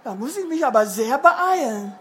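A woman reading aloud, voicing a caring storybook mother who speaks softly and anxiously to her child. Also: sits high, animated, moderate pace, a little hiss or hum. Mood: surprised. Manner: soft and tender, worried.

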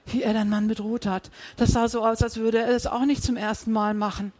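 A reader voicing Nina, a gentle, somewhat unsure woman who speaks earnestly, in an audiobook. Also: sits high, little pitch movement, fairly quick, dry recording, lightly acted.

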